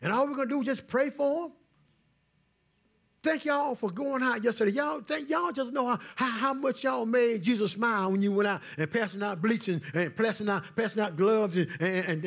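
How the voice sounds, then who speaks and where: Husky high-voiced man preaching. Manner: call-and-response preaching, swings from loud to hushed. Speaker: pastor. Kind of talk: sermon. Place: church.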